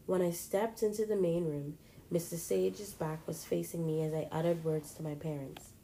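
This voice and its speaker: A woman reading a first-person story aloud in a plain, steady manner. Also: lowish voice, moderate pace, gravelly, slight background noise, poor audio.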